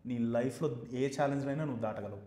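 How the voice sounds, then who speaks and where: A man's voice: mid-range voice, fast talker, dark tone. Blunt joking man with a Rayalaseema accent. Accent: Rayalaseema (Anantapur) Telugu. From Anantapur village, Andhra Pradesh. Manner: blunt, joking storyteller mixing English words. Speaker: stand-up comedian, podcast host. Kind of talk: casual podcast chat. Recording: echoey room.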